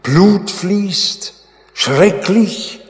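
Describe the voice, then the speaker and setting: A man's voice: high-pitched, extremely slow. A man preaching a sermon, retelling a Bible story dramatically and calling his listeners friends. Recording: echoey hall with long reverb.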